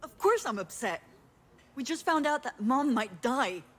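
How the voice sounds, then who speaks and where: In visual novel voice acting, a woman plays a blunt, tough, hot-tempered sister, delivering dramatic dialogue in a direct, sardonic, confrontational manner. She sounds upset and combative. Her voice sits high, with lively intonation at a measured pace.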